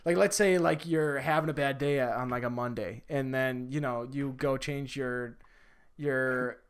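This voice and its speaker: A young man hosts a casual interview podcast and rambles through his questions, leaning on "like" again and again. His voice is smooth and clear. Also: mid-range voice, fairly even intonation, a little slow. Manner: rambling, heavy on "like" fillers, friendly questions. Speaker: podcast host.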